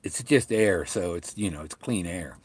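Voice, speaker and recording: A middle-aged man chatting casually and haltingly, rambling along, with a slight whistle and the loose speech of missing top front teeth. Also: low-pitched, expressive, slightly rough. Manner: halting, rambling, often trailing off. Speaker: vlogger talking to viewers.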